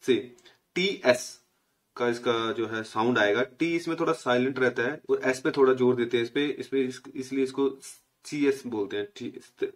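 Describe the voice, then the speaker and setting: Young man teaching, from India, patient explanations, slow repeated letter sounds, mid-pitched voice. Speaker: language teacher. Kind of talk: casual spoken lesson.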